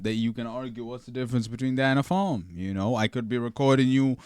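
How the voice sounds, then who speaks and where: A man's voice: medium pitch, quick pace, a little mellow, clear, resonant tone, no room sound, studio quality. A man giving casual reaction commentary on a video, slangy and repetitive, often saying "bro" and "you feel me.".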